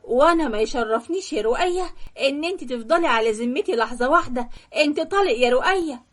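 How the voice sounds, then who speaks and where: A woman's voice: high-pitched, animated, fast talker. A woman voicing a stern, jealous young husband with an Egyptian accent, harsh and commanding in a cartoon story. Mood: angry. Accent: Egyptian Arabic.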